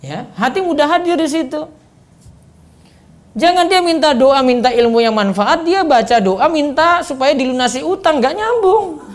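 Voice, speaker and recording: A man's voice: very high voice, normal speed. A man gives a religious study lecture as a preacher, quizzing his listeners and acting out sample prayers. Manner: animated, quizzes the audience and acts out sample prayers. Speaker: Islamic preacher.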